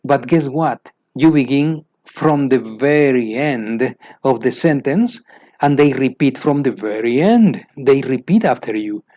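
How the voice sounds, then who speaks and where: Speaking with a Mexican accent, this Mexican man, a Spanish speaker, instructs fellow teachers on an English method, going over points repeatedly and frequently asking "you know why?" with mounting emphasis. His mid-range voice is mellow and unhurried, on lo-fi audio without echo.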